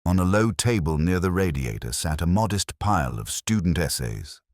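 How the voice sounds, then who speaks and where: The narrator here is a man whose voice is extremely deep, telling a detective story in the first person for an audio drama. Solemn and measured, he lets his pitch move vividly through literary sentences; the sound is intimate and dry, with no reverberation.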